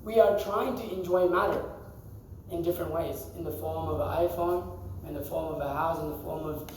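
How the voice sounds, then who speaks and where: High-voiced man teaching in an echoey hall. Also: steady tone, normal speed, a little mellow, a little hiss or hum. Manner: conversational, quizzes the audience, laughs often. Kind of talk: scripture class talk. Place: temple hall. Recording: echoey hall, mic far off.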